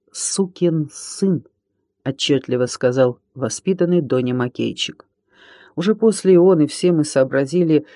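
A man narrating a children's adventure storybook in a steady reading voice. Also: medium pitch, no room sound, clean studio sound. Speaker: audiobook reader.

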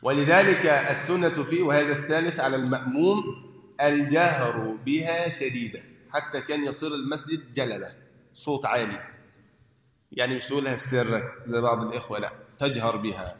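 A man's voice: medium pitch, brisk, a bit bright. A man with an Egyptian accent teaching a religious lesson, explaining by asking and answering his own questions and checking that listeners follow. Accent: Egyptian Arabic. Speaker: sheikh teaching a hadith book. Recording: echoey hall, dull lo-fi sound.

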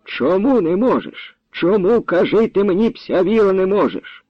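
A man voicing a grumpy, bossy old village grandfather who scolds and shouts at the young men. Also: medium pitch, very animated, fairly quick, no room sound. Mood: scolding. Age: older. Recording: dull, dry recording.

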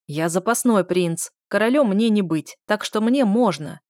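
A woman's voice: mid-range voice, expressive, unhurried, darkish tone, no echo, lightly acted. A quarrelsome, self-important young prince with a haughty edge, as a woman reads him. The voice is close and dry, like a storybook reading recorded in a dead room. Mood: indignant. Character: pompous young male prince, hot-tempered.

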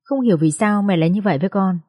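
A woman's voice: medium pitch, very fast, mellow, no echo, clean studio sound, close to an everyday voice. A woman voicing a hurt young adult daughter who pleads with her mother while sobbing. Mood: pleading.

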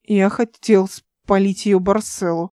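A woman's voice: medium pitch, steady tone, dark tone, no echo, clean studio sound, close to an everyday voice. A woman reading as a drunk, dazed male pilot. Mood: slurring. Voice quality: slurred, halting speech.

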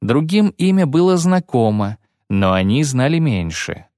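A man reading an audiobook with expressive narration. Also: medium pitch, unhurried, no echo, studio quality. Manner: expressive storytelling. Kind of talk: scripted narration.

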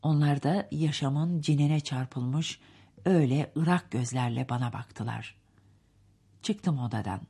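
A woman reading a novel aloud as an audiobook narrator, measured and unhurried. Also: very deep voice, mellow, husky.

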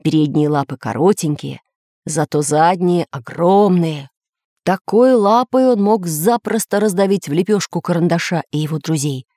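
A woman narrating a children's audiobook in an expressive, measured storytelling manner. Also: lowish voice, no echo, clean studio sound.

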